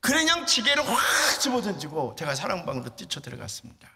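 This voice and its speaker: A man, a pastor, preaching a sermon in an emotional storytelling way with shouted outbursts. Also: on the high side, huge pitch swings, fast talker, vocal fry.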